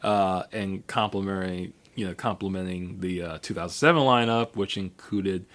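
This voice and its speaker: A man's voice: deep voice, steady tone, moderate pace, fairly bright tone. A man co-hosting a podcast in casual chat, rambling through a history with many fillers and restarts. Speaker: podcast co-host.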